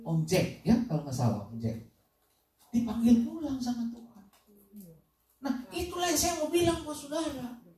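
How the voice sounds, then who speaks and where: A man preaching a sermon as pastor, telling a story with lively repeated phrases and sudden loud questions. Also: extremely high pitch, moderate pace, long pauses. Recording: echoey room, voice from a distance.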